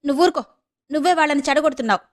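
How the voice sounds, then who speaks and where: A sharp-tongued, stern mother of grown daughters, put on by a woman reading an audio novel. She rebukes in a fairly high voice. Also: steady tone, moderate pace, natural voice. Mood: angry. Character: stern scolding middle-aged mother.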